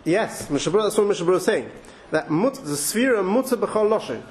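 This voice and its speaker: A man with an English accent teaches Torah in a loose, conversational way. His voice sits a touch high, and he often restarts and wanders into asides as he thinks aloud. A faint ambient hiss lingers behind him. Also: lively intonation, fast. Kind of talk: informal Torah talk.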